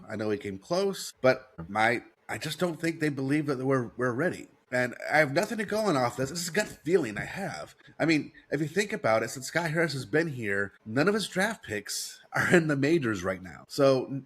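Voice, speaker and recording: A man's voice: lowish voice, a bit bright. An American man hosting sports talk, congested with a head cold and breathing through his mouth, repeating his points for emphasis. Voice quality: stuffy-nosed.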